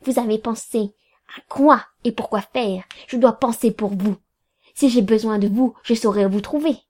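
A woman's voice: a little high, normal speed, close to an everyday voice. Woman doing a stern, commanding lawyer. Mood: severe. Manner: clipped, commanding, sharp rebukes. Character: stern, curt middle-aged male lawyer.

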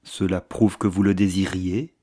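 An earnest young gentleman who asks urgent, pressing questions, read by a man. The low voice stays close to the reader's own in this storybook reading. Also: level tone, measured pace.

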